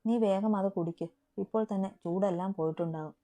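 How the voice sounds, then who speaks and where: A doting young husband who orders his wife about with gruff, teasing affection, as a woman reads him aloud. The voice is very dark and mellow. It comes from a romantic audio story. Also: medium pitch, fairly quick, close to an everyday voice. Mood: bossy. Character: caring bossy young husband.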